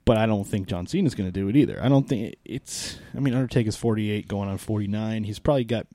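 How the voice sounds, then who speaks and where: A man's voice: on the low side, quick pace, warm tone, dry recording. A man co-hosting a casual talk show, giving opinions in a rambling, hesitant way with many restarts and his voice getting worn. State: losing his voice. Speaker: podcast co-host. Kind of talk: casual wrestling chat.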